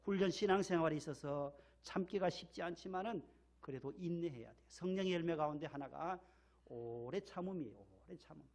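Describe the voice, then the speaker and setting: Male Korean pastor, slightly high gravelly voice, emphatic repeating sermon delivery. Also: fairly quick, a little mellow. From Gyeongsang region, Korea. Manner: emphatic, repeats key words, leads call-and-response. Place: church sanctuary.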